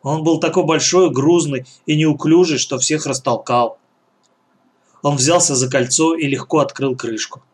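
A man's voice: on the high side, a little slow. A man reading a children's adventure story aloud as the narrator. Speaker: audiobook reader.

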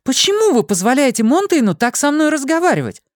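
A woman's voice: sits high, big pitch swings, fairly quick, no echo, clean studio sound, pitched above the performer's own voice. A man voicing a fiery young policewoman. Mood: indignant. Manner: indignant, insistent. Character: fiery young woman police deputy, stubborn.

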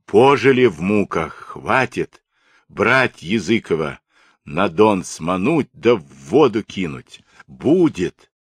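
A man voicing an angry crowd of Cossacks shouting defiantly in a storybook reading. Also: on the low side, very animated, slow pace, husky, no echo, full character voice. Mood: enraged. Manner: shouting, rowdy.

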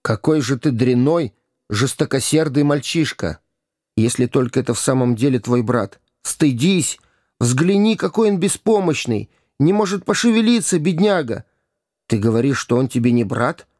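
A compassionate gentleman, voiced by a male reader who speaks earnestly and scolds with feeling. His pitch moves in a lively way. The recording is close and dry. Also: normal speed, no room sound, natural voice. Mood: reproachful. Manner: earnest, reproachful. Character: kind compassionate gentleman passerby.

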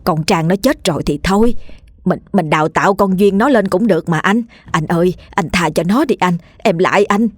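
A woman's voice: lowish voice, normal speed, slightly rough, dry recording. A woman doing a begging, stammering wife. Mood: pleading. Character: middle-aged woman, desperate pleading wife.

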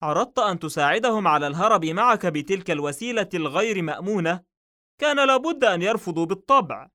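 A man reading an audiobook novel, voicing a calm, confident male police detective in a raised voice. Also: fast. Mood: calm, firm. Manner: calm and assured, slightly raised pitch.

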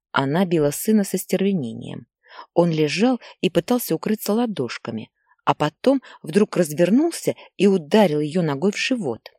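A woman narrating a story in an expressive, dramatic reading style. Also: on the low side, no room sound, studio quality.

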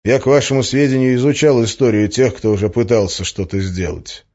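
A man's voice: medium pitch, steady tone, a little fast, darkish tone, dull audio, voice pushed up, close to an everyday voice. A man reading an audiobook, voicing an earnest young idealistic magician who speaks with insistent indignation.

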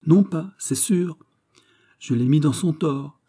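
A man voicing a boisterous, boastful giant swordsman in an audiobook, with a husky, booming, jovial delivery. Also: slow pace, dark tone. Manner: jovial, booming, raised pitch. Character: boisterous giant old-style swordsman nobleman, hearty, boastful. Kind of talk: audiobook character voice.

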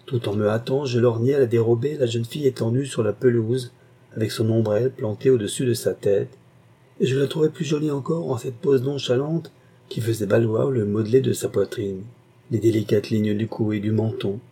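A man narrates a literary story in a measured, expressive way. His voice is mellow and dark, with a husky edge. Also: mid-range voice. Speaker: audiobook narrator.

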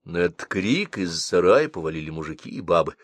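A man narrates a comic story in an expressive, animated way, his pitch rising and falling freely. The recording is dry and close, like a studio audiobook. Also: brisk, no echo. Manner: lively, expressive reading.

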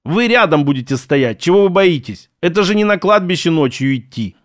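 A man reading the part of an eager, persuasive wealthy man in an audiobook, coaxing and smooth. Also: fairly high pitch, animated, brisk, no echo, clean studio sound, natural voice. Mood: persuading. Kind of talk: audiobook character voice.

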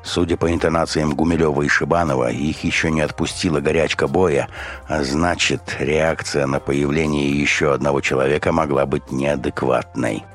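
A man reading an audiobook in steady scripted narration. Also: extremely low pitch, normal speed. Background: faint music.

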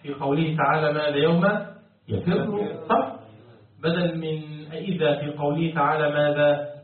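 A man teaches a Quran commentary lesson. He keeps quizzing his students and chants the verses. His voice comes from far off in a booming echo through a thin, phone-like line. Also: fairly even intonation, normal speed. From Egypt. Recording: very echoey, distant, phone-like sound.

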